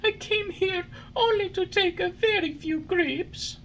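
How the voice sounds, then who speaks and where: A man voicing a wooden puppet boy who pleads and wails in a very high, sobbing voice. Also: measured pace, fairly bright tone, slight background noise, full character voice. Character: weeping wooden puppet boy, naughty, remorseful.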